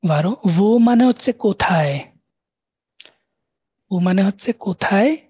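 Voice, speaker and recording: A man teaching German in a live online class, repeating and slowly spelling out words. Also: high voice, animated, warm tone, breathy edge, no echo. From Bangladesh.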